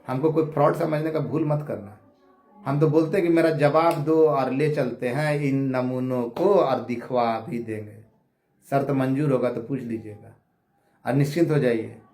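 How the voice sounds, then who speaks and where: A man giving a heated monologue from his home prayer room, combative, insulting his rivals and swinging between shouting and low muttering. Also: vocal fry, reverberant. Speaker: online commentator appealing to viewers.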